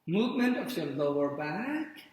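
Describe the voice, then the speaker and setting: A man guiding a yoga class with calm, short spoken cues and pauses between them. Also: a little high. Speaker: yoga instructor. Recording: very echoey room with long reverb.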